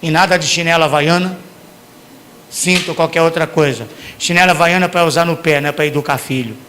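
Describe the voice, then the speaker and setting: A man with a Brazilian accent preaches a sermon in church. His voice sits high and sounds bright and cutting. He slips into the voices of the scolding parents and desperate sinners he quotes. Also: quick pace, slight background noise. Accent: Brazilian Portuguese. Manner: preaching with big swings from hushed to shouted. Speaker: pastor.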